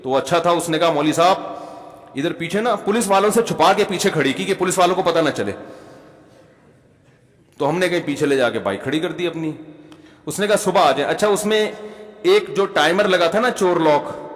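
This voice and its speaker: A man's voice: high-pitched, long pauses. A man with a Pakistani Urdu accent preaching a sermon, telling a funny personal story and often calling the audience brother. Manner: humorous anecdotal, addresses audience as brother. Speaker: Islamic preacher. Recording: long hall reverb.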